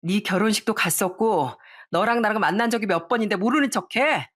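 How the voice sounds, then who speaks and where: A woman's voice: medium pitch, brisk, a bit bright, close to an everyday voice. A woman voicing a stern wedding shop employee who accuses and confronts someone in a storybook narration. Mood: furious.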